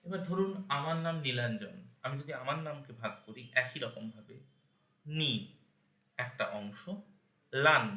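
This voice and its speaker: Guy explaining poetry meter, bright tone, room echo, breaks words into syllables. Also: medium pitch. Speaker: teacher of Bengali verse meter. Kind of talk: spoken lesson.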